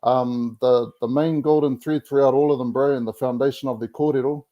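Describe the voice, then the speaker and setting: A man's voice: medium pitch, fairly even intonation, a little fast, highs cut off. A man with a broad New Zealand accent talks in a casual, reflective way, very colloquial and mixing Māori words into his English. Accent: broad Kiwi, Māori New Zealand English. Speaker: podcast guest.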